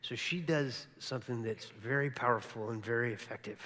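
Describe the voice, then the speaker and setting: A man's voice: medium pitch, fairly quick. Middle-aged pastor guy preaching, acts out the story bits, big echoey church hall. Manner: animated, acts out quoted characters. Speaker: teaching pastor. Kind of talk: sermon, storytelling. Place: large church auditorium.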